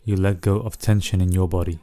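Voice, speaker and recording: Male sleep-story style relaxation guide: low, soft-edged, gentle, unhurried pauses. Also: flat delivery, no room sound.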